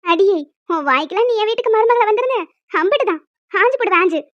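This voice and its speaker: A woman putting on the voice of a bossy, sharp-tongued older mother-in-law who scolds bluntly. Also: very high voice, lively intonation, fast talker. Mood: scolding. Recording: dry, dull lo-fi audio, faint music.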